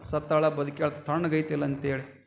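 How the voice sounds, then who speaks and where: A man giving a storytelling sermon as a swami, swinging between loud exclaiming and low murmuring. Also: flat delivery, moderate pace, vocal fry, highs cut off, a little hiss or hum. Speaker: swami preacher.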